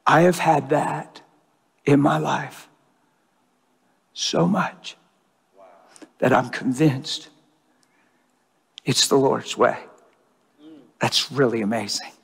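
A man preaching a sermon, telling a story with animated energy and acting out the dialogue. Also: medium pitch, slow, gravelly, pauses often, slightly rough. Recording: long hall reverb.

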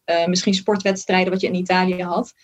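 This is a woman from the Netherlands, a physician in training, speaking in a casual podcast conversation. Her voice is lowish and flat, she talks a little fast, and she explains things carefully with plenty of fillers and hedges.

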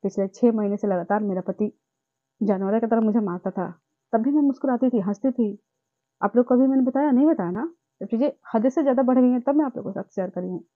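A young woman vlogs about her own life in an emotional monologue, sounding impassioned, indignant and repetitive. Her voice is fairly high and she talks fast. The recording is dry and tinny, like a phone.

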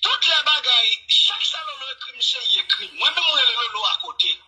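A Haitian-accented man speaks in a sharp, very bright voice on a radio talk show. He rambles and circles back over the same phrases. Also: very high voice, very animated, normal speed, low-quality recording.

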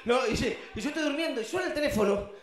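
A man's voice: extremely high pitch, quick pace, echoey room. A man with a Rioplatense Spanish accent doing a stand-up routine, telling stories and acting out voices. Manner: animated storytelling, acts out voices. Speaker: stand-up comedian.

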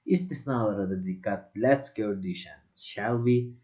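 A male teacher giving a grammar lesson, with a dark, mellow voice. He explains step by step and acts out quick dialogue examples, lifting his tone for each surprised question. The sound is a little dull and lo-fi. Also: lowish voice. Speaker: English teacher. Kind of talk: grammar lesson for Turkish learners.

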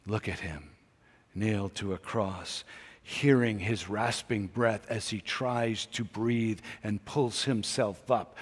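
Slow, intense male preacher in a reverberant hall. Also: mid-range voice. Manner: slow, intense preaching that swings from loud urging to hushed near-whispers. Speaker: pastor. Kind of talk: sermon. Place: large church sanctuary. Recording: long church-hall reverb.

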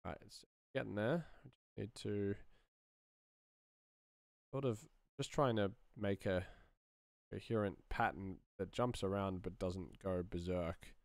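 Unhurried and lowish, with vocal fry and a darkish tone, this man in his thirties mutters fragmented thoughts as he narrates his computer work. He's a sound designer and streamer doing casual screen-share commentary from a small indoor room. The studio-quality audio has no echo.

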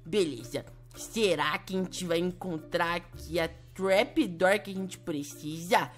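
A woman's voice: fairly low pitch, unhurried. A woman with a Brazilian Portuguese accent hosting a Minecraft let's play, chatty, sighing often and cooing over cute animals. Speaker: gaming video host. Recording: faint background music.

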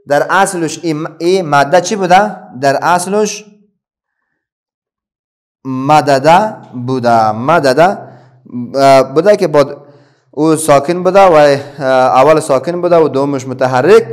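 Speaking with an Afghan Dari accent, a middle-aged man leads a children's reading lesson, patiently posing questions and then answering them himself. His voice is a little high.

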